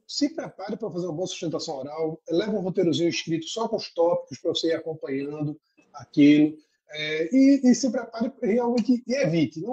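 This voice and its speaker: A man's voice: on the high side, mellow, husky, dull audio. A man, a lawyer, giving practical advice in an interview and explaining step by step. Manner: didactic, explains in lists. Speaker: lawyer guest.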